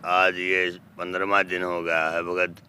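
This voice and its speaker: Holy man, very low flat voice, bright edge, solemn blessings. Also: unhurried, clean tone. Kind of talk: blessing and answering questions. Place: outdoors at a temple fire site.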